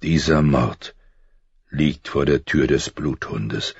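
A man playing a grave noble father who speaks slowly and softly to his daughter. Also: extremely low pitch, vocal fry, slightly rough, dry recording, lo-fi sound, full character voice. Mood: tender. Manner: slow, soft, murmuring.

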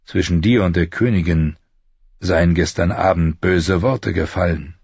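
A male audiobook narrator voicing a grave, plain-spoken lord, calm and stern. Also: low voice, a little slow, creaky, slightly rough, dry recording, lo-fi sound, exaggerated voice. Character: grave, sober northern lord, man.

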